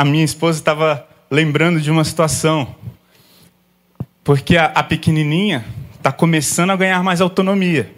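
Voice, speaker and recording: A man in his thirties preaching as a pastor, telling lively stories about his young daughters and acting out their conversations. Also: fairly high pitch. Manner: lively storyteller, acts out family scenes. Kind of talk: sermon with personal anecdotes.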